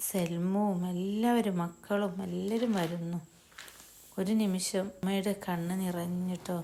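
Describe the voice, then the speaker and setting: Gravelly storytelling woman. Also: fairly low pitch. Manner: warm motherly storytelling, voicing family members. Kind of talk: family story narration with voiced dialogue.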